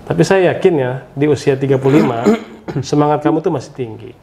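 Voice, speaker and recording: Middle-aged male host, gravelly and mellow, fatherly tone, faint noise behind. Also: mid-range voice, fast talker. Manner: fatherly, affirming with frequent hums. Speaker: podcast host, former teacher. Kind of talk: casual interview chat.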